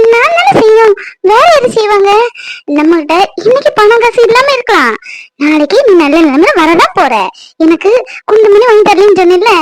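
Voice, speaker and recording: Woman as a sweet young cartoon wife, squeaky high voice, dry close studio sound, soothing and patient. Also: dry recording, low-quality recording. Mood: comforting. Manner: soothing, coaxing. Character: young devoted wife, gentle and reassuring.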